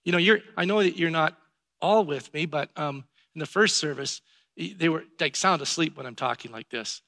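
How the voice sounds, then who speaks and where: A pastor preaching a sermon to his congregation, emphatic and building to loud exhortation. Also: fairly high pitch.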